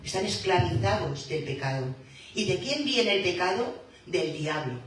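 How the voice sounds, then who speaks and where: A woman preaching a sermon in a church, slow and emphatic, rising to fervent calls. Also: on the low side, expressive, a little hiss or hum. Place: church hall. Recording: echoey hall, voice from far off.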